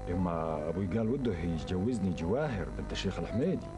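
A dutiful young Bedouin son in a television drama. He is earnest and respectful in Bedouin Arabic, his fairly low voice moving quickly over music. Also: expressive.

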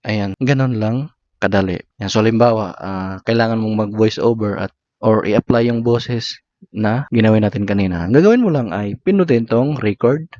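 Speaking with a Filipino accent, a man hosts an app tutorial, giving step-by-step directions in brief instructional phrases. His lowish, darkish voice keeps a moderate pace, and the slightly dull lo-fi recording has no echo.

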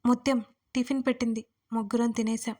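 A woman's voice: on the high side, level tone, fast, a little mellow. A woman narrating her own first-person audio story, chatty with comic asides to the listener. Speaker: writer and narrator.

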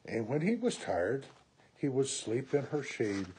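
A man in his sixties reading a children's picture book aloud at home with slow, deliberate, expressive phrasing. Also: medium pitch, slight background noise, poor audio. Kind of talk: read-aloud children's story. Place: small room at home, indoors.

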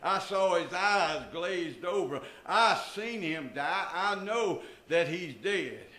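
A man's voice: fairly high pitch, pushed and bright. An older man preaching a sermon from a church pulpit, with emphatic rises and drops in his voice. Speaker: pastor. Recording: echoey church room.

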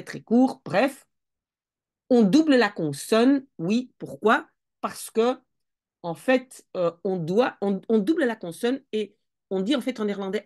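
A woman with a medium-pitched, slightly mellow voice gives a casual lesson on Dutch spelling rules. She explains step by step, often correcting herself as she thinks aloud.

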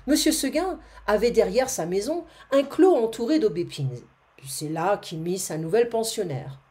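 A woman reading a classic tale aloud as narrator, expressive, with occasional slips she corrects. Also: mid-range voice, moderate pace.

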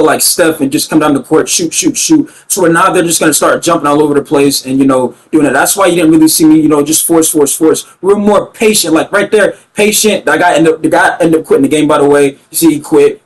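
High-voiced man ranting over gameplay. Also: fairly quick, poor audio. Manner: emphatic and repetitive, gets loud and excited at big plays. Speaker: gaming YouTuber commentating his own gameplay.

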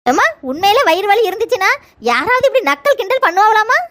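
A woman's voice: very high voice, very animated, fast, fairly bright tone, exaggerated voice. A woman with a Kanyakumari Tamil accent voicing a gossiping young sister-in-law who tattles and mocks. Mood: tattling. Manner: tattling, mocking.

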